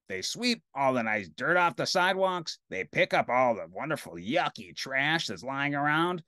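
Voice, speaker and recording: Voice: medium pitch, sharp tone, no echo, clean studio sound. A performer doing a grumbling, contrary grouch. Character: grumpy grouch who loves trash and mud.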